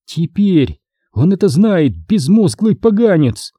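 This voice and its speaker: A woman's voice: lowish voice, very animated, slow pace, warm tone, breathy edge, dry recording, clean studio sound, voice pushed up, heavily acted. A man voicing a fierce, loyal young woman in an audiobook, pleading and scornful by turns. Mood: heated. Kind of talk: audiobook character voice.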